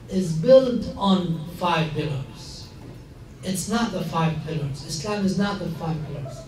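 A man, an imam giving a measured, emphatic talk to a mixed audience at a stand mic. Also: on the high side, a little mellow, slight background noise. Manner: measured, emphatic, gesturing while speaking. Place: large hall indoors. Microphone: stand mic at a lectern. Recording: echoey hall, from a distance.

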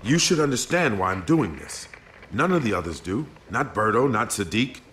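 An actor playing an earnest, worried American boat captain in a dramatic video game about surviving an apocalypse, with an insistent way of talking. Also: male voice, fairly low pitch, big pitch swings, moderate pace, a bit bright, a little hiss or hum.

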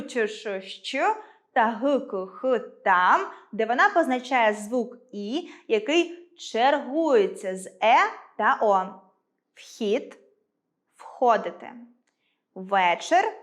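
A woman teaching a school language lesson, reading example words slowly and clearly, one by one. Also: a little high, lively intonation.

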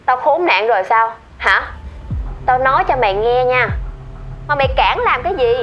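A woman's voice: high-pitched, expressive, moderate pace, highs cut off, soft background music. A woman playing a taunting brazen mistress. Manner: mocking, taunting. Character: brazen young mistress mocking her friend.

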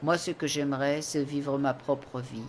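A man's voice: mid-range voice, fairly even intonation, measured pace, noisy background, lightly acted. A man voicing a stubborn teenage girl while reading game dialogue aloud. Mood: defiant.

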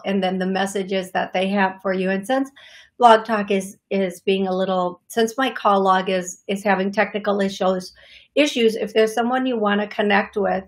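Sitting on a leather couch in her living room, a middle-aged psychic medium livestreams her show alone to viewers. Allergies leave her mid-range voice raspy. She chats freely, apologizes, laughs a lot and moves her hands while speaking.

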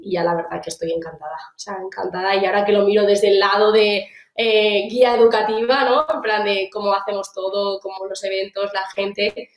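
A young woman from Argentina, a guest chatting on a video call in an upbeat way, full of fillers and restarts. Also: medium pitch. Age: young adult. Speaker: interview guest. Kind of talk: casual video-call interview. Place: small room indoors. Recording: roomy echo.

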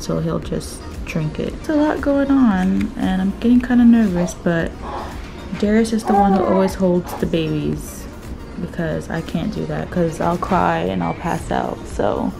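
A woman's voice: on the low side, a little slow, vocal fry, over music. A young woman and new mother talking casually to her vlog audience, chatty and leaning on "like" as she tells the story. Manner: chatty, leans on "like" as filler. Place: pediatric clinic exam room.

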